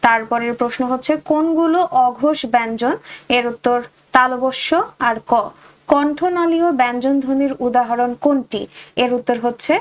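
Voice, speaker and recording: A woman tutor with a Bangladeshi Bengali accent running a quick exam revision, reading each question and giving the answer straight to her students. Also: high-pitched. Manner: rapid question-and-answer drilling, addresses students directly.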